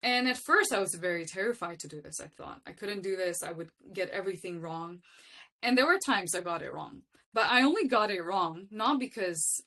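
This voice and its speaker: A woman teaching a yoga class with a fairly low voice. She speaks earnestly from the heart and stacks up short repeated phrases to drive her points home. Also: expressive, moderate pace, bright, forceful tone. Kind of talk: personal teaching talk to a class.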